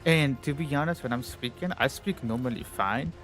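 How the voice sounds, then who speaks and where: Casually chatting as he games on stream, a man rambles on, constantly using fillers like "like" and "you know." His mid-range voice has lively intonation, normal speed, a slightly bright and stuffy quality, and soft music plays behind him.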